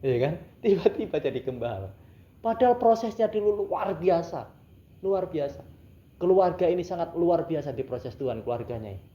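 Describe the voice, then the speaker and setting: A man's voice: a little high, expressive, normal speed. Man preaching in a roomy hall. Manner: conversational, asks the congregation rhetorical questions. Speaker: pastor. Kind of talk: sermon storytelling. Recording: roomy, dull sound.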